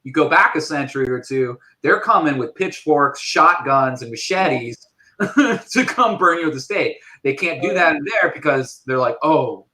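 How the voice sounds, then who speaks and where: Bright-voiced man, animated, filler-heavy talk. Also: on the high side, measured pace, poor audio. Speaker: interview guest. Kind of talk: casual panel discussion.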